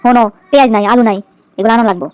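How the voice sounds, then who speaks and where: A woman's voice: on the high side, very fast, darkish tone, clean tone, no room sound, lightly acted. A woman playing an aggrieved, nagging young wife in a comedy skit, bickering and complaining with sarcastic questions in a colloquial Bangladeshi accent. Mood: bickering, annoyed. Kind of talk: domestic comedy skit monologue. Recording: dull, lo-fi dry recording.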